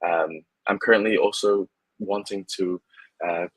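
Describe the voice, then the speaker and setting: Low, husky young man on a video call. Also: measured pace, no room sound, poor audio. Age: young adult. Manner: relaxed, many fillers and restarts. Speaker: licensed immigration adviser, guest. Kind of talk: casual online interview.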